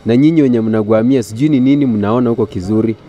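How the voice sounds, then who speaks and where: A man's voice: medium pitch, fast talker, mellow, highs cut off. A man in his thirties with a Kenyan accent, bluntly complaining in an outdoor street interview, speaking into a handheld mic. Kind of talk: vox pop street interview. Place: outdoors by a brick building. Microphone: handheld furry mic held close.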